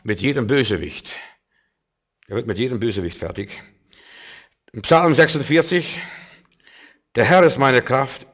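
A male preacher with a mid-range voice delivers a sermon in a very animated melody. He moves from forceful declarations to hushed, low remarks. The sound is muffled and lo-fi. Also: measured pace, long pauses, husky. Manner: emphatic, swings between loud declarations and quiet low asides. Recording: dull lo-fi recording.

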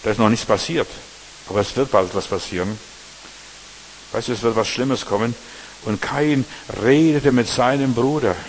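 A man preaching a sermon, emphatic, speaking straight to the congregation and swinging between loud stresses and quiet asides. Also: mid-range voice, moderate pace, pauses often, slight background noise, poor audio. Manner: emphatic, talks straight to the congregation with repeated tag questions.

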